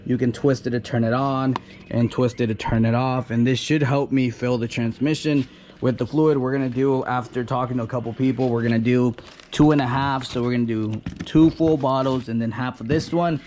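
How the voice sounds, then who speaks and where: A hoarse young man losing his voice, chatting excitedly as he works on his car and takes it for a drive. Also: mid-range voice, brisk. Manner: excited, chatty, shouting over engine noise. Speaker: car vlogger. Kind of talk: casual garage vlog.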